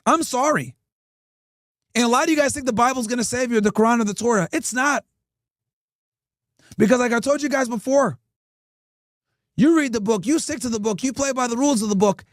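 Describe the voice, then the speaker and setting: A man's voice: very high-pitched, fairly quick, pauses often, dry recording, clean studio sound. A podcast host, a man, delivering crude, profane, preachy commentary and speaking straight to his chat. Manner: addresses chat directly. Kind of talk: ranting commentary.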